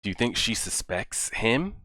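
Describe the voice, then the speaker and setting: Man, very deep voice, forceful bright tone, dry close sound, animated casual reaction commentary. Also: measured pace, no room sound. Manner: animated, exclaiming and talking to the characters. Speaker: reaction video host.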